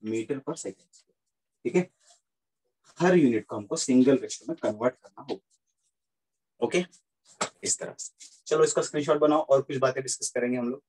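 Teaching physics in mixed Hindi and English, this man reinforces his points through repetition and checks in with his students. His mid-range, darkish voice moves at a moderate pace with long pauses, and the recording is rough.

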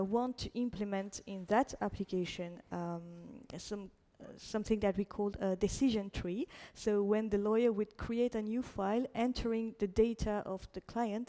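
A woman's voice: medium pitch, mellow. A young woman giving a meetup presentation over a headset mic, talking with many hesitant fillers. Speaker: startup presenter. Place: stage in front of a projected slide.

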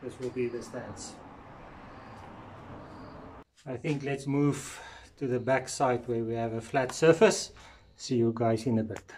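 A man's voice: mid-range voice, moderate pace, slight background noise. Middle-aged man chatting through a build. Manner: relaxed, talks to himself while working. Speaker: DIY vlogger. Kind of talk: casual narration while building. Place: garage and covered patio at home. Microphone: action camera, handheld and mounted.

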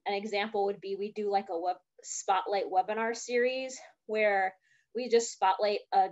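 A young woman admissions officer speaking on a video call, a little out of breath, chatty and full of fillers. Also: medium pitch. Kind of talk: virtual info session talk. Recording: dull lo-fi video call audio.

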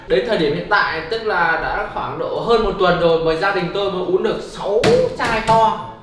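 A man's voice: sits high, background noise. A young man, hosting a casual prank vlog and chatting upbeat straight to his viewers. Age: young adult. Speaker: vlogger host. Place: outdoor yard and indoor storeroom.

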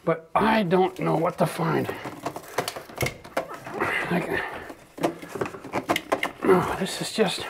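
On a very noisy recording, a middle-aged renovation host talks through his gutted-bathroom project in a high-pitched voice with vocal fry. His delivery is extremely slow with long pauses, yet he stays upbeat and chatty, cursing and laughing as he goes.

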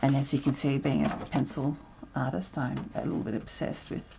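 A woman with a bass voice, brisk and creaky with a dark tone, runs a casual live draw-along from her desk at home. She chats and rambles, cutting in on herself with ums; the low-quality recording has slight background noise.

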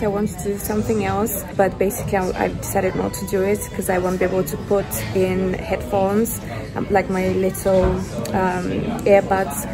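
A young woman talks through her shopping trip in a chatty, gushing way, with plenty of fillers as she goes. She is recorded on a phone held at arm's length, so it sounds like a handheld phone video. Store music plays behind her. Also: mid-range voice. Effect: recorded on a handheld phone camera. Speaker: fashion vlogger. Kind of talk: casual vlog chat. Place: indoors in a department store.

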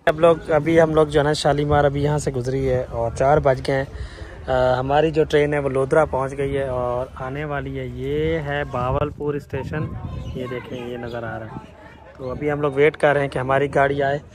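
A man's voice: mid-range voice, level tone, moderate pace, rough recording. A man with a Pakistani Urdu accent, chatting casually as he vlogs a train trip from a station platform and carriage. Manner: chatty, teasing, narrates as he films. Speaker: vlogger. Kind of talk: casual travel vlog.

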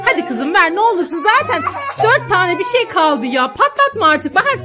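A woman's voice: extremely high pitch, big pitch swings, normal speed, over loud music. A young mother scolding one daughter and soothing the other in a family vlog. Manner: scolding and pleading, switching to soothing. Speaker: mother filming her daughters.

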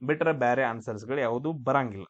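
A man's voice: mid-range voice, fairly quick, dry recording, dull audio. A man teaching exam grammar, asking and answering his own questions. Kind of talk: classroom-style grammar lesson.

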